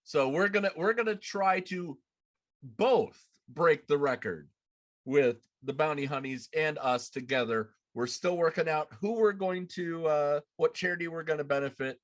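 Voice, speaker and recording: A podcast host in his thirties chats casually on a live broadcast from a small room in his home. His voice is slightly high, and he talks at a normal speed.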